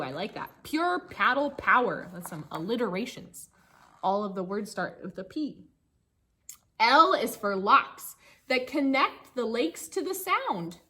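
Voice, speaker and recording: With a high, bright voice and a forceful tone, a woman teacher reads a rhyming picture book to children in singsong fashion. She breaks off for short asides that engage her audience.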